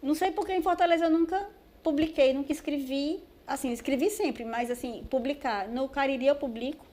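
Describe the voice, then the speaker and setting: A middle-aged woman, a writer and guest, telling stories in a relaxed interview with many restarts. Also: high-pitched, fairly quick. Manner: warm storytelling with many restarts. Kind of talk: casual interview chat. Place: TV studio.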